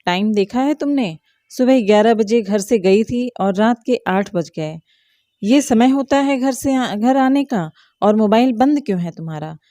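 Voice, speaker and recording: A woman voicing a worried middle-aged mother who scolds with sharp, rapid questions. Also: medium pitch, expressive, no room sound, close to an everyday voice. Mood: angry.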